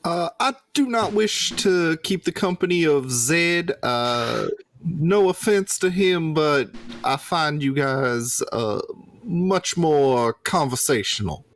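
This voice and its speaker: A man's voice: fairly high pitch, animated, slow pace, fairly bright tone, soft background music. A man playing a tabletop game, improvising in-character chat in a hesitant, politely worded way.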